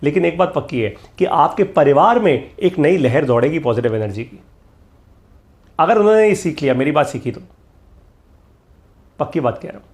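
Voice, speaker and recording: A middle-aged man with a medium-pitched, somewhat dark voice leads a motivational course. He speaks emphatically, repeats his key lines, and drops English phrases into his talk.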